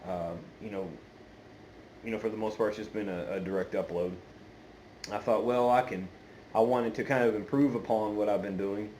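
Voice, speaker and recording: Male hobby vlogger, lowish pitch, hesitant rambling conversational delivery, noisy homemade phone audio. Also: steady tone, a little mellow. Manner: hesitant, meandering, halting delivery. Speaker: pipe-smoking video channel host. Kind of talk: casual unscripted chat to viewers. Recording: clearly noisy amateur phone recording.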